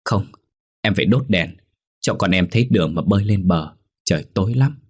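A man's voice: deep voice, expressive, normal speed, slightly rough. A man voicing a grieving mother who wails and pleads for her drowned son, in a spoken ghost story. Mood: desperate pleading. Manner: sobbing, pleading cries.

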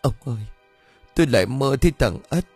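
A man plays a grieving mother in a ghost story, her cries shrill and panicked. The voice swoops up and down. Soft music plays underneath. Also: expressive, a little fast, husky, no echo. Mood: fearful. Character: frantic grieving older mother, wailing.

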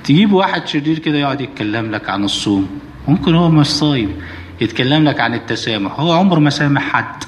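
Egyptian priest preaching with hall reverb. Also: male voice, medium pitch, animated, quick pace, a little hiss or hum. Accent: Egyptian Arabic. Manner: earnest, exhorting, colloquial. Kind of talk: sermon. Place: church.

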